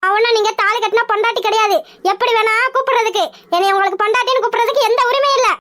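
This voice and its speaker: A woman's voice: extremely high pitch, fairly even intonation, racing. A woman voicing a stubborn young woman in a cartoon, scolding and insistent as she pushes away her suitor. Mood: angry. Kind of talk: cartoon voice acting.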